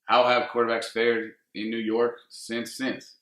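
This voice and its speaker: A man's voice: mid-range voice, monotone, a little slow, fairly bright tone. A man co-hosting a casual sports radio show from home, talking in a laid-back way with fillers. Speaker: co-host. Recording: echoey room.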